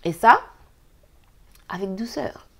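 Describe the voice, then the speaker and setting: A woman's voice: medium pitch, expressive, slow pace, gravelly, husky. A woman giving a casual daily card reading, chatty and emphatic, breaking into laughs as she gives advice. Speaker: tarot card reader.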